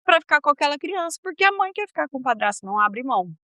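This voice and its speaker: Bright, earnest counselor woman. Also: high-pitched, sing-song, quick pace, a little hiss or hum. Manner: earnest, tells examples with quoted dialogue. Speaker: guardianship counselor. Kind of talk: podcast interview.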